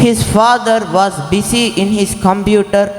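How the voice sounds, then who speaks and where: A man preaching a sermon in short, measured phrases and pausing so an interpreter can translate each one. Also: sits high, flat delivery. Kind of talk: sermon delivered line by line for an interpreter. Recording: echoey hall with loud worship music.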